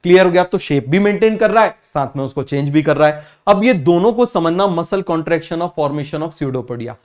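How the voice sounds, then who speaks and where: High-pitched young male biology tutor, drilling students with quick questions. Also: expressive. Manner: keeps asking students if it is clear. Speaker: biology teacher. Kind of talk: online exam-prep class.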